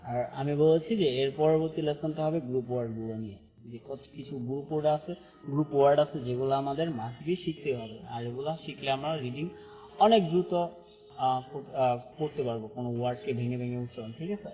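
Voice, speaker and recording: A man gives an online pronunciation lesson, pausing often with fillers and restarts and checking in with the viewers. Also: medium pitch, dark tone, in a large hall, rough recording. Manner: halting, with frequent fillers and restarts, repeats "ঠিক আছে?" to check on viewers. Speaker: English pronunciation teacher.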